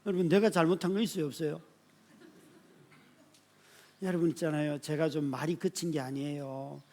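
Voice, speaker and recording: A high-voiced man in his fifties preaches a sermon, telling stories about family life. He swings between soft, hushed asides and loud bursts, and keeps drawing the congregation in with questions. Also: fairly even intonation, normal speed. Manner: storytelling, swings from quiet asides to sudden shouts; speaks to the congregation directly, often asking "right?". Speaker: pastor.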